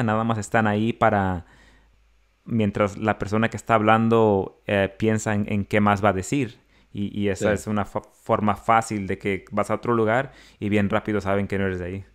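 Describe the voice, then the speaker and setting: Male podcast co-host, lowish voice, chatty storyteller who acts out the people he quotes. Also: smooth. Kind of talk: casual chat.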